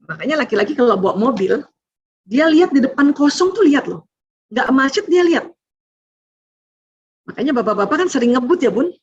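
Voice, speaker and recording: A middle-aged woman lectures an audience of mothers in a bright, high voice. She laughs often and acts out family dialogues. The sound is close and dry, a little dull. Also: sing-song, fairly quick, long pauses, husky, no echo. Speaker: doctor giving a talk to mothers. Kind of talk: lively religious lecture.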